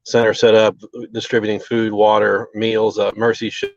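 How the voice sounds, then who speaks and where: A man with a low, flat voice speaks over a poor call connection that breaks up. The audio is dull and lo-fi, with almost no room sound. He talks in a halting, earnest way, leaning on fillers as he goes. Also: dry recording. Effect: choppy, breaking-up call connection. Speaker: restaurant owner. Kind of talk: live remote interview. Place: outdoors near a relief center. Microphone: video call over a bad mobile connection.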